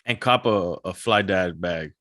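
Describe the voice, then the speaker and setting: A man co-hosting a podcast in easygoing casual chat with soft-spoken asides. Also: sits low, a little slow, dry recording, clean studio sound. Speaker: podcast co-host.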